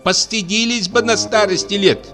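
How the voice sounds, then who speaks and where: A man voicing an indignant lower-class older mother who scolds in plain folk speech in an audiobook play. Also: fairly even intonation, normal speed, pushed and bright, soft background music.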